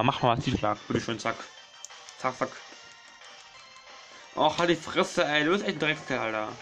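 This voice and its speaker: A young man commentating his gameplay casually, excitable, swearing and pleading with the game while addressing his viewers as friends. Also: mid-range voice. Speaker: gaming channel host.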